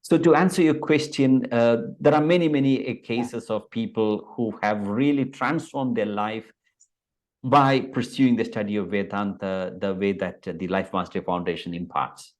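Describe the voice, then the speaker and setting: A man's voice: on the low side, steady tone, moderate pace. A man in his fifties, from India, a Vedanta teacher speaking in an interview over a video call, hesitant and full of fillers and restarts.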